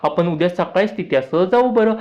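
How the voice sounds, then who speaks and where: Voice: mid-range voice, animated, moderate pace, darkish tone, natural voice. Recap narrator as a worried aunt, cautious and reasoning, muffled lo-fi sound. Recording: dull lo-fi audio.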